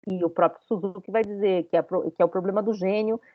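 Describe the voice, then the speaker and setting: A woman's voice: medium pitch, fairly even intonation, fast, no room sound, phone-quality sound. A woman giving a university lecture, talking it through with many hesitant fillers and questions to her students.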